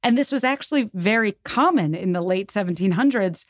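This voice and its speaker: A woman guest on a podcast tells history stories in a casual, conversational, explanatory style full of filler words. Her voice is medium-pitched and expressive, her pace a little quick, and the recording is dry and studio quality.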